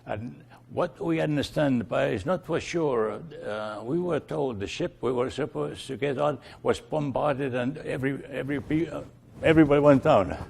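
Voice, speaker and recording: An older man from Estonia, a native Estonian speaker, slowly recalling his family's past in an oral history interview, with many fillers and restarts. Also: mid-range voice, vocal fry, a little mellow, breathy edge.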